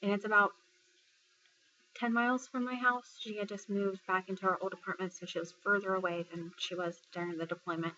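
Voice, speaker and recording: A woman from Texas, a military service member, retells a personal story in a casual vlog, talking conversationally with lots of fillers and quoting what other people said. Her mid-range voice stays fairly flat in pitch, moving fairly quickly with a pushed, bright quality. The audio sounds dull.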